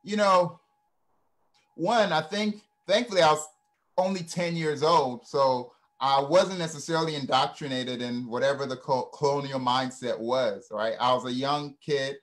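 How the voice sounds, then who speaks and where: A man's voice: mid-range voice, a little slow, fairly bright tone. A man from Ghana, speaking earnestly in a reflective, storytelling way and often checking in with "right?" and "you know". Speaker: guest speaker.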